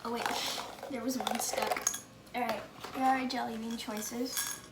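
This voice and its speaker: A woman's voice: a little high, flat delivery, unhurried, very noisy. A woman hosting a kids' challenge video, chatting casually and playfully as she plays along. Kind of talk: casual playful game chat. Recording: echoey room with loud music.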